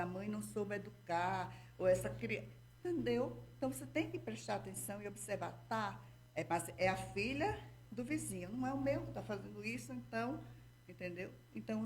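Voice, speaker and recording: Here a woman of medium pitch, recorded with a faint hiss or hum, talks in Brazilian Portuguese as a guest therapist giving explanatory interview answers. Her style is patient and didactic, with regular check-ins like "tá?" and "entendeu?".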